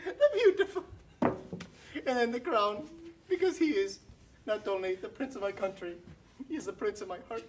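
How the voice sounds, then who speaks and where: A woman playing a gushing, devoted designer who fusses over her prince, talking theatrically with squealing high leaps. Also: animated, moderate pace, pauses often, noisy background, lightly acted. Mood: adoring. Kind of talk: improvised comedy skit.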